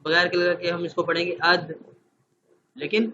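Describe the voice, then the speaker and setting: Speaking in a high, level tone, a male teacher trainer works through an online lesson one step at a time, frequently making sure listeners understand. Letter sounds are modeled and verses recited slowly over dull, lo-fi audio carrying faint noise.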